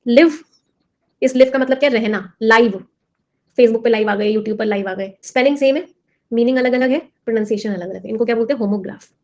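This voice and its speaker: A little high yet somewhat mellow, this teacher's voice stays brisk through a classroom lesson on exam vocabulary. She explains in Hindi with the terms as an English teacher for exam prep, firing quiz questions at her students constantly.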